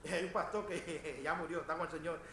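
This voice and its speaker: A male pastor preaching a sermon in a church, swinging between quiet asides and shouted emphasis. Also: on the high side, brisk, slight background noise. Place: church sanctuary. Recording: echoey church room.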